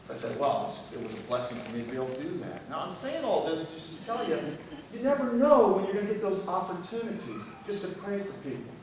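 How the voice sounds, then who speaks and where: An older male pastor preaching in a folksy, storytelling way, his voice a little higher than most men's. It was recorded from far back in a very echoey church, and noisy room sound hangs behind him. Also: very animated, quick pace, darkish tone. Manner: folksy storytelling with light humor. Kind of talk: sermon. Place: church sanctuary.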